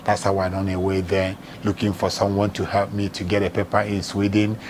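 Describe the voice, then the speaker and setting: In an interview, a middle-aged Nigerian evangelist and charity founder with a Nigerian accent tells his life story in earnest, plain words. His voice is deep and monotone, fairly quick, with background noise behind it.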